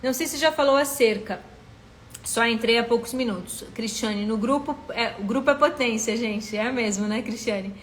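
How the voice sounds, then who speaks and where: A woman's voice: on the high side, moderate pace, roomy sound, slight background noise. A woman therapist in a live Q&A who reads out viewer questions and coaches the listener with direct questions.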